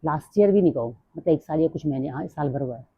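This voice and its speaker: A middle-aged woman talking fast and rambling in a casual personal vlog. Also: deep voice, expressive, husky, dry recording. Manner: rambling, drifts off topic. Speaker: vlogger. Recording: dry, tinny phone-like sound.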